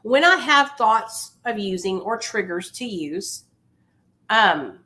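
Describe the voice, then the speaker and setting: A woman's voice: mid-range voice, lively intonation, slow, pushed and bright. A woman giving impassioned, informal motivational talk to viewers, emphatic and insistent, repeating phrases to drive them home. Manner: informal, familiar address. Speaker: livestream host speaking on addiction recovery.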